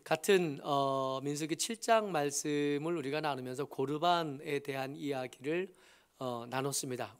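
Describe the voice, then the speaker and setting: Busan-accented male preacher, slightly high pitch, patient teaching delivery with hesitations and emphatic rises. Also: clean tone. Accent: Busan Gyeongsang. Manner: explanatory, many fillers, rises in emphasis. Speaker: pastor. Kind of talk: sermon.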